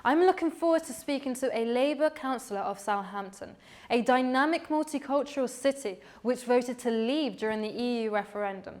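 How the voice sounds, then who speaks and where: A woman narrates a documentary from a script, her voice sitting fairly high. She speaks in a measured, formal way. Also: a little mellow. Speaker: documentary presenter.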